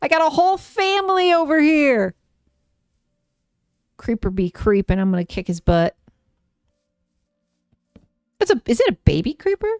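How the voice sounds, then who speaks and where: A woman streamer giving casual live gameplay commentary, gushing and excitable as she talks to herself and her chat. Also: sits high, moderate pace, pauses often, no echo, studio quality.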